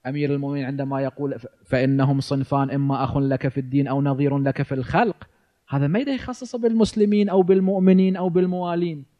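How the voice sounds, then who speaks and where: Iraqi cleric in his forties, slightly high. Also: racing, lo-fi sound. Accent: Iraqi Arabic. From Iraq. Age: 40s. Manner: rhetorical questions answered himself. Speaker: cleric lecturer. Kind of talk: religious lecture.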